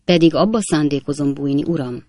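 A touchy, proud aging gentleman of ample girth, hitting back with wounded dignity, as a male reader voices him. The tone is slightly gravelly and the recording dry. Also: a little high, very animated, dry recording, exaggerated voice. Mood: offended.

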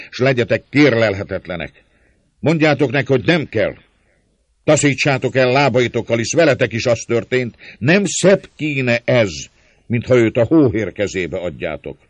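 A man voicing a coarse, mocking male friar who taunts a captive noblewoman, his voice raised, loud and sneering. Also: mid-range voice, animated, no room sound, voice pushed up, natural voice. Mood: taunting. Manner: taunting, gloating, sneering mockery. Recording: dull lo-fi, dry sound.

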